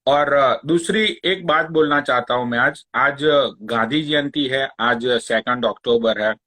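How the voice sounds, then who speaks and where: A man's voice: medium pitch, a little slow, pushed and bright. A man hosting a live stream, ranting sarcastically and taunting a rival, swearing often. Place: Long Island, New York.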